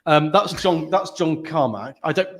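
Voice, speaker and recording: A man's voice: on the high side, animated, moderate pace. A British man in casual podcast chat, a rambling storyteller who laughs often. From Britain. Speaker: podcast co-host.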